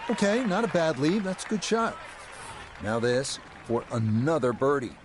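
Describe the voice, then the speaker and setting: A man's voice: fairly high pitch, moderate pace, noisy background, lightly acted. A man playing a television golf commentator calling a tournament, in play-by-play style. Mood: pleased. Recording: game music and crowd behind. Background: music and crowd.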